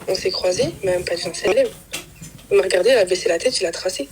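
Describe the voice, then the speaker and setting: A woman's voice: lowish voice, fast, noisy background. A young woman casually telling a personal story, rambling with fillers and acting out quoted lines. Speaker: guest telling her story.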